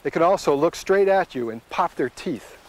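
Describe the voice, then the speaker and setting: A middle-aged man guiding hikers through open coastal tundra explains things plainly and instructively as he walks. His voice sits on the high side and is expressive, at a normal speed, though the audio is poor.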